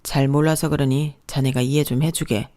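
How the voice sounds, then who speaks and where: A narrator voicing an older, old-fashioned father-in-law who talks bluntly and gruffly, then apologizes. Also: fairly high pitch, fairly even intonation, moderate pace, warm tone, natural voice.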